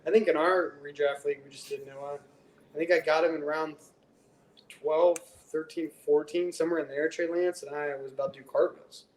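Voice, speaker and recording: A man's voice: on the high side, fairly even intonation, moderate pace. A man co-hosting a fantasy football talk show, bantering in a joking, brash way. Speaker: fantasy football podcast co-host. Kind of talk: casual chat. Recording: roomy echo.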